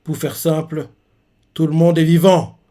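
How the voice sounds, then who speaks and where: A man's voice: on the high side, unhurried, lightly acted. Brief: man reading a young female scientist clone, emotional, read off the page, light acting. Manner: read flatly from manga panels, then a sudden loud wail.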